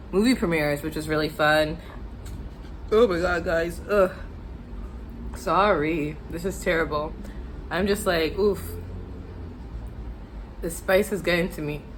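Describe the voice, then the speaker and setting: A woman's voice: medium pitch, a little hiss or hum, rough recording. An American woman telling a casual, chatty, self-deprecating story to viewers while eating, her mouth sometimes full. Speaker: mukbang vlogger telling stories.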